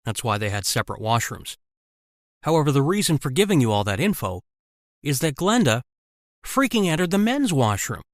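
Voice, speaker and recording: Lively male story narrator, dry voice. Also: medium pitch, moderate pace, dry recording. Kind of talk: animated story first-person narration.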